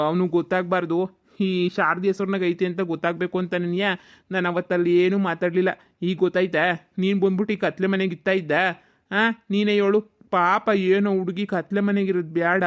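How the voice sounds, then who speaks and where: A gruff male cartoon ghost, voiced by a performer, speaks. His delivery barely rises or falls and stays flat and monotone. He gives orders in a scolding, commanding way. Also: mid-range voice, close to an everyday voice. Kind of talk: cartoon voice acting.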